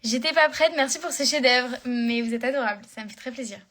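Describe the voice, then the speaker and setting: A woman's voice: fairly high pitch, quick pace, fairly bright tone. A young woman chatting casually on a live stream, rambling with many fillers and restarts. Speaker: live-stream host answering fans.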